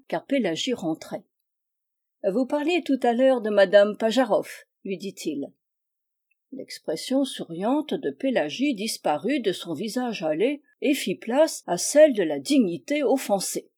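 Dark-toned woman reading a novel. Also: mid-range voice. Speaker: audiobook reader. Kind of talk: literary audiobook narration.

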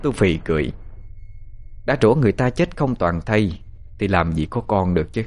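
A man narrating a spooky story in an expressive, dramatic way. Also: sits low, brisk. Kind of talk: narrated audio horror story.

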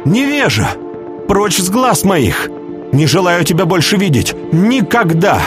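A man's voice: medium pitch, animated, normal speed, music in the background, pitched above the performer's own voice, natural voice. A man reading an audiobook, voicing a proud and passionate young princess in a raised, pleading voice. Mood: furious.

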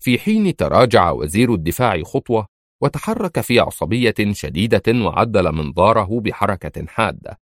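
Low-voiced male audiobook narrator. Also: very animated, normal speed, no room sound, clean studio sound. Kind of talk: dramatic novel narration.

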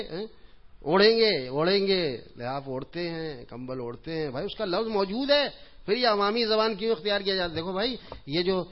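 Guy preaching in a mosque, kinda high voice, telling funny stories and laughing along, dull old tape. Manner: chatty storytelling, chuckles at his own jokes. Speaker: religious scholar giving a reform talk. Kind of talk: informal sermon with humorous anecdotes. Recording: dull lo-fi recording.

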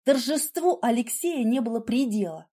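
A woman's voice: a little high, expressive, normal speed, dark tone, husky. A woman narrating a first-person story for an audiobook. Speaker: audiobook reader.

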